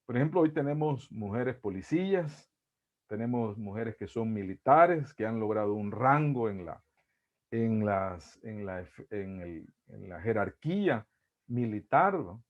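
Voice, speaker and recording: Halting Salvadoran lecturer on a dull call. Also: male voice, lowish voice, expressive. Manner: halting, repeats words, tags "¿va?" often. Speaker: university psychology lecturer. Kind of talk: online lecture. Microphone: video call. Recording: dull lo-fi video call audio.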